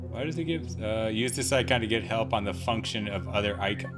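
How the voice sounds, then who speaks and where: A man's voice: lowish voice, a little fast. A man hosting a video game playthrough with casual, conversational commentary. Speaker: gaming host. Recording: game music behind the voice.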